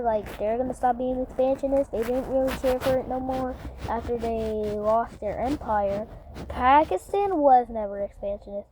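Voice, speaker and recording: A woman's voice: high voice, mellow, slight background noise, poor audio. A woman giving casual, rambling commentary over a map animation, full of fillers and slang, joking as she goes. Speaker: mapping channel narrator.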